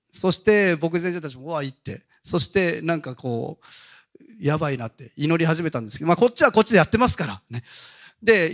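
A male pastor giving a Sunday sermon, telling stories in a casual, animated way. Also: on the high side. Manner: animated storytelling with casual asides.

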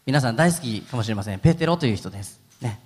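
A man pastor preaching a sermon in a gentle, conversational way with frequent fillers. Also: mid-range voice, lively intonation, quick pace, breathy edge, big-room sound.

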